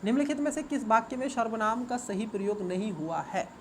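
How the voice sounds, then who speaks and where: A man's voice: high-pitched, lively intonation, a little fast, a little hiss or hum. A man teaching as an exam coach, going through a paper's answers, repeating words and asking his students rhetorical questions.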